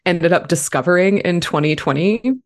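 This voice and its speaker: A woman's voice: on the low side, moderate pace. A woman podcast host chatting casually in an informal, emphatic, joking way. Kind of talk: casual chat.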